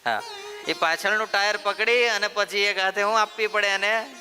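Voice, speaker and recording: A man with a Gujarati accent tells a devotional story to his audience in a temple hall. His voice sits a little high and rings very bright. He keeps throwing questions at his listeners and answering them, over a long reverb and faint instrumental music. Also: steady tone, normal speed. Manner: asks the audience questions and answers them himself, playful teaching tone. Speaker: preacher telling a religious story.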